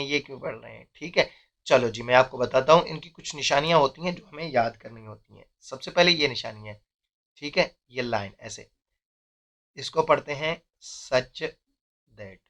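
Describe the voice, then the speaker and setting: A man's voice: on the high side, bright, forceful tone. A young man, teaching a math lesson step by step and often checking in with "theek hai".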